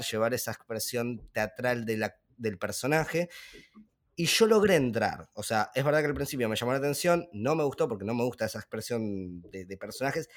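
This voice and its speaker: A man with an Argentine accent casually discussing a film on a podcast, thinking aloud with many fillers and restarts. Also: mid-range voice. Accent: Argentine Spanish.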